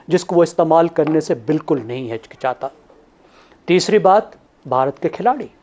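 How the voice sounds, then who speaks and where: A man giving measured panel analysis, laying out his points one by one. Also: fairly high pitch, a little mellow. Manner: methodical, counts points in order.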